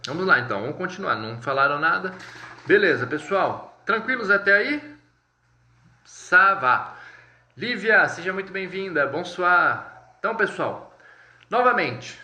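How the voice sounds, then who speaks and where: A man with a Brazilian Portuguese accent teaching a live online French lesson, explaining step by step, checking in often with viewers and saying French words slowly and clearly. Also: high-pitched, lively intonation, sharp tone. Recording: echoey room.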